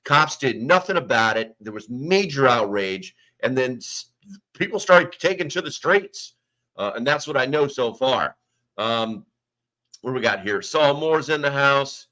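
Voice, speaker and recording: A low-quality recording captures an American livestream host rambling slightly slowly as he reads out names from chat. He sounds animated, bright, and forceful in a mid-range voice, speaking into a small desk mic in a sparse room.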